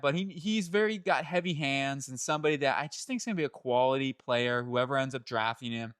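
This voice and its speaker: A man hosting his own channel, talking through football draft picks in a chatty, animated way that jumps up in pitch when he gets excited and often corrects himself. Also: clean tone, no echo, clean studio sound. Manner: chatty, self-correcting, laughs at own slips. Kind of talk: solo sports analysis talk.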